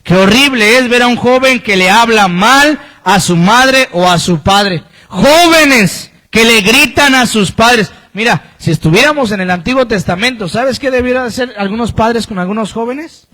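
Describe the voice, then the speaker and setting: A man's voice: high voice, moderate pace, fairly bright tone. A man pastor preaching a sermon, pressing his points with emphatic repetition and sudden swings in his voice. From Colombia.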